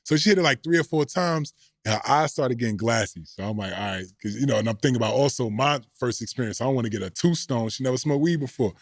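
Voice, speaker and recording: A middle-aged former pro basketball player, guesting on a podcast, tells laid-back, slangy, rambling stories in casual fashion. He talks fast at a medium pitch, in studio quality with no room sound.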